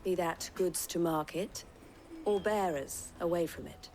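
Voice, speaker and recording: A woman's voice: fairly low pitch, measured pace, a little mellow, slight background noise, natural voice. A woman playing a shrewd, formal caravan leader in a video game, courteous with a saleswoman's polish. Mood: smug, businesslike. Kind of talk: video game drama acting.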